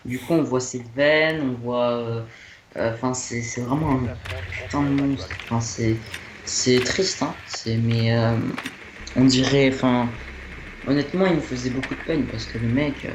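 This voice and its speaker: A man's voice: medium pitch, steady tone, moderate pace, crowd noise. A young man chatting casually about his holiday, hesitant, with many fillers and restarts. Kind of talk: rambling casual chat. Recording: echoey room, faint noise.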